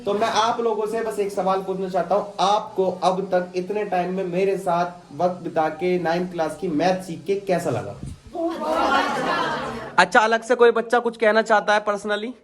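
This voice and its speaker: Young male teacher, higher register, casual encouraging classroom talk, roomy echo. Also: moderate pace. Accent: Delhi Hindi. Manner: encouraging, conversational. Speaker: math teacher.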